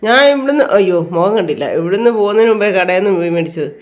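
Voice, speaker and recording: A woman's voice: mid-range voice, expressive, racing, crowd noise. A middle-aged woman from Kerala with an Idukki Malayalam accent, chatting to her viewers as she does chores around her home and yard. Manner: chatty, tags sentences with "you know". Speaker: home vlogger. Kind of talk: casual chat while doing chores.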